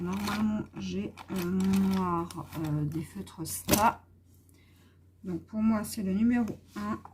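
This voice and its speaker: Slow, mellow-voiced woman chatting while coloring. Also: medium pitch, a little hiss or hum. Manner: hesitant, many fillers, talks while coloring. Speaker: vlogger. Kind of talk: casual coloring vlog chat.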